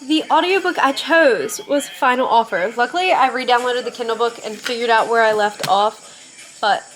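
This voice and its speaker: A young woman talks candidly in a casual book vlog, her voice a touch higher than most. She chats freely and sometimes drops to a hush. Faint music plays softly behind her. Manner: chatty, candid, often drops to a hushed voice at night. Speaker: book vlogger.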